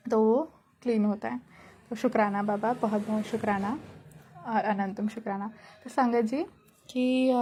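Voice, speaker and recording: A woman's voice: a little high, dark tone. Giggly young woman sharing a devotional story. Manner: chatty, giggly, grateful. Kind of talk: casual spoken testimony.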